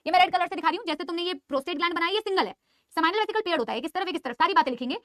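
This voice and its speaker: Quick high-pitched lady teacher, mixes english into hindi, keeps saying beta, dry close mic. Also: no echo. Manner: scolding yet insisting she is calm. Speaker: biology teacher. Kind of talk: live online class lecture.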